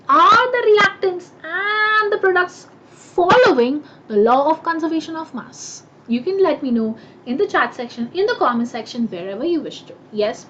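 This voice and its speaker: High-pitched, animated Indian woman teaching. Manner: animated, chatty, asks and answers own questions. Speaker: science teacher. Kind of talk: live online class, explaining to students. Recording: muffled audio with clear background noise.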